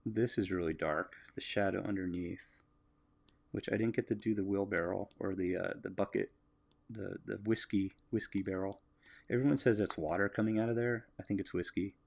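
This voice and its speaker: A lowish, gravelly American male voice talks casually as he works on a drawing. He muses aloud and answers viewers' comments in a relaxed, easygoing way. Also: moderate pace. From United States. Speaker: artist livestreaming a drawing.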